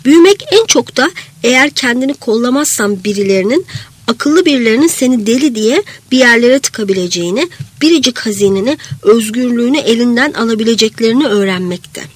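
A woman with a slightly high, breathy voice reads a first-person literary story aloud. Her delivery is reflective and lively in pitch, and at times it sinks to a near whisper. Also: fairly quick, dry recording. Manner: reflective, sometimes dropping to a whisper. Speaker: narrator.

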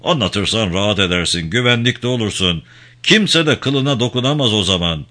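A man's voice: lowish voice, animated, normal speed, sharp tone. A man voicing a cunning male intelligence interrogator who coaxes and threatens in a raised, persuasive voice in a story reading. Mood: pressing. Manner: smooth persuasive pressure, raised voice.

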